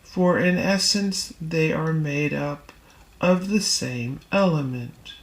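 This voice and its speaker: A woman reads a spiritual text as an audiobook, taking her time with deliberate delivery. Her pitch sits in the middle range, and the room she's recorded in has noticeable reverb.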